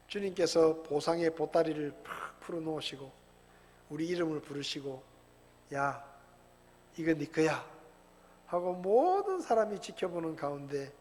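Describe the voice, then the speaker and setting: Pastor from chungcheong preaching, high husky voice, long church echo. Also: male voice, darkish tone. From Chungcheong, Korea. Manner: earnest, exhorting, swells and drops in volume. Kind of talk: sermon. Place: church sanctuary. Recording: long church hall reverb.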